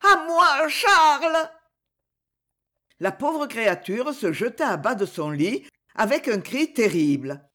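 A woman reading a novel aloud with a theatrical touch, her pitch rising and falling vividly across each phrase. The delivery is dramatic and drawn out. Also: unhurried. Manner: expressive, theatrical. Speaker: audiobook narrator.

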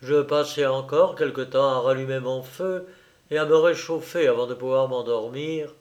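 A man narrating a classic novel in a measured, deliberate reading. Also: medium pitch, darkish tone.

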